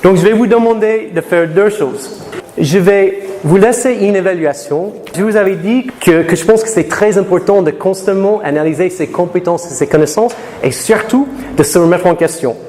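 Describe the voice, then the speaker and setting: A man from Florida lecturing students in a lecture room, lively, and slowing to careful English for learners. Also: high-pitched. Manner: lively, switches to slow deliberate English for learners. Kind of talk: classroom talk to students. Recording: reverberant hall with faint noise.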